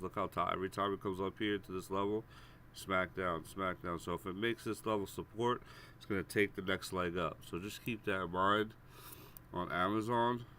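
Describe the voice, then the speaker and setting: This deep, pushed, bright voice belongs to a stock trading streamer battling a stuffy head cold, which leaves him congested and nasal. During a live premarket walkthrough he casually covers chart levels and price targets, repeats himself, and addresses viewers as "guys." Slight background noise is audible.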